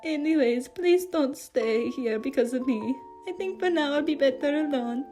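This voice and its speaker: Lady reading as soft sad young guy, weak little voice. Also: sits high, normal speed, faint music behind, natural voice. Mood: gentle. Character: gentle sad young man.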